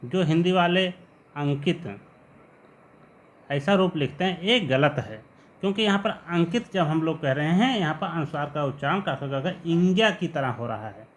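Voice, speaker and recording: Male grammar teacher, a touch high-pitched, patient and repetitive explaining. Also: expressive. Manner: patient, repeats each example word slowly. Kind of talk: explanatory lesson.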